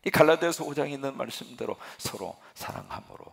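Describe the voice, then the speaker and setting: Gravelly-voiced male pastor preaching. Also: medium pitch, quick pace. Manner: animated preaching with rhetorical questions to the congregation. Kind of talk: sermon.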